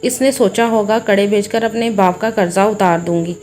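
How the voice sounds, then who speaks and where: A woman's voice: mid-range voice, normal speed, faint music behind, natural voice. A woman voicing a harsh, scheming mother-in-law who talks with scorn, in a storybook tale. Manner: scornful, sharp-tongued.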